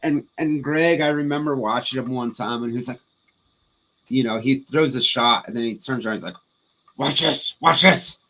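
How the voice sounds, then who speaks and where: A man in his forties chatting casually as a guest, an animated storyteller who pokes fun at himself. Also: medium pitch, normal speed. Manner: animated storyteller, self-deprecating. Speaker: podcast guest, disc golfer. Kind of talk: casual chat.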